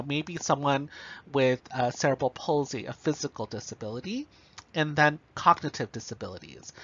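A man with a slightly higher voice delivers a recorded lecture, explaining each point plainly and checking in with "okay" and "right". The recording is a bit muffled and lo-fi.

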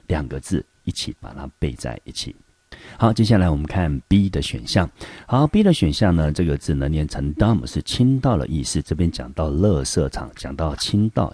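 A man with a Taiwanese Mandarin accent teaching a recorded English vocabulary lesson to high school students, explaining patiently and talking to them directly. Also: sing-song, normal speed, dark tone, breathy edge, no echo. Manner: explanatory, addresses students directly, frequent "好" and "呢" fillers.

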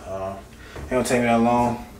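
A young man in his twenties vlogging to a camera held at arm's length. His talk is laid-back and full of slang, and his speech fillers come easily. Steady background noise sits under his voice. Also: mid-range voice, moderate pace, distant mic. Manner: laid-back slangy talk, lots of "you know what I'm saying". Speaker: rapper vlogging a road trip. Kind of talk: casual vlog talk to camera. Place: car and hotel room.

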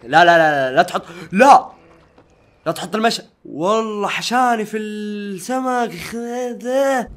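A man giving excitable, panicky let's-play commentary as a gaming channel host, talking back to the game's characters. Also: sits high, unhurried.

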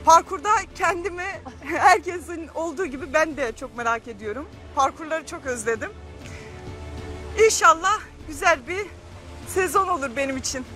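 A woman's voice: sits high, normal speed, pushed and bright, soft background music. A young woman contestant answering a host's questions, a little shy and giggly. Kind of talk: on-camera interview answers.

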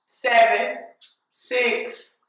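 Bright, forceful woman in an echoey room. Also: a little high, flat delivery, drawn-out words, far from the mic. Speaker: host of a challenge. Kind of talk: casual, playful quizzing. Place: indoors, bare room at a dining table. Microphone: distant camera. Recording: echoey room, off-mic, faint noise.

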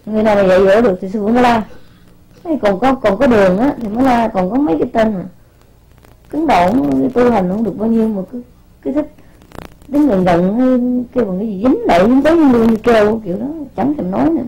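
A woman spiritual teacher speaks to her disciples in a high voice. She scolds them in an informal, unscripted sermon, stumbling over repeated words and pressing them with rhetorical questions. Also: fast talker, dark tone, husky, poor audio.

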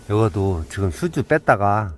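Male dealer, low lively voice, jokey and chatty, explaining features inside a camper van. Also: moderate pace. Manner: joking, chatty, walks through steps aloud. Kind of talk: casual hands-on product walkthrough.

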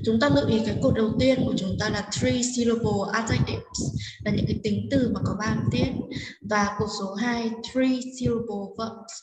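A woman's voice: on the high side, a little mellow, slight background noise. Vietnamese-accented woman teacher, echoey room. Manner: explains words slowly, switching between English and Vietnamese. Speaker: English teacher. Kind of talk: bilingual textbook lesson.

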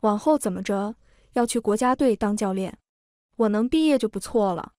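A woman's voice: medium pitch, normal speed, a little mellow, dry recording, studio quality, natural voice. A woman reading the lines of a young man, a self-mocking, teasing childhood sweetheart, in a story.

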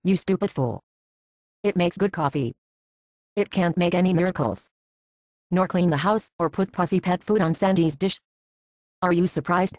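A woman's voice: fairly low pitch, normal speed, long pauses, darkish tone, no echo, lightly acted. A woman with a Swedish first language playing a cat's secret agent in a home video skit, teasing and bossy. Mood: scolding. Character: female secret agent of a blogging cat.

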